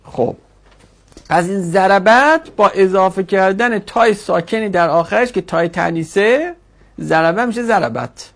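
Male language teacher, lecturing, raised pitch with a gravelly edge, methodical and repetitive when explaining. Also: a bit bright. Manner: explanatory, repeats forms slowly for students. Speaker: Arabic grammar teacher. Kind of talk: classroom lecture.

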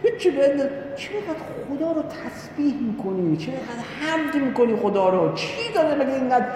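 A man preaching a sermon, telling a religious story in an animated way and voicing the people in it. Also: very high voice. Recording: echoey hall with long reverb, faint noise.

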